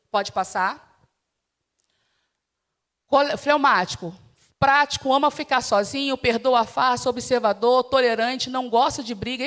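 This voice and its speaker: A Brazilian woman teaching a church class in an animated way, acting out household scenes in different voices. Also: sits high. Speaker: Sunday school teacher. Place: church hall.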